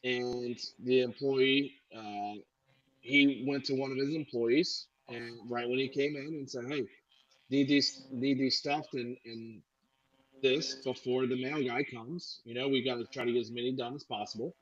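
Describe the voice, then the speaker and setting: A man's voice: mid-range voice, fairly even intonation, unhurried. Rambling, slightly muffled male co-host. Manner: rambling storyteller with many fillers and restarts. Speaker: podcast co-host. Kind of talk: casual talk radio chat.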